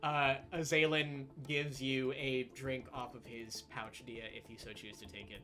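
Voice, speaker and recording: A man's voice: mid-range voice, level tone, a little slow, bright, forceful tone, soft background music. A man running a tabletop game as game master, narrating scenes and calling for rolls.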